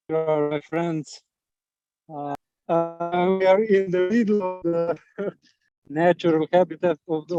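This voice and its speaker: Hesitant, slow-talking man, soft and dull-sounding. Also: fairly high pitch, smooth, dry recording. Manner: hesitant, halting with many fillers. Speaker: community co-founder, life coach. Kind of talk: casual video message. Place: outdoors in woods, running.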